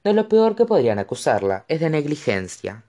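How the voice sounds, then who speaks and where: A man's voice: on the high side, sing-song, normal speed, warm tone, voice pushed up. A narrator voicing a sneering, sardonic young man. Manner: dry, sneering. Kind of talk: audiobook character voice.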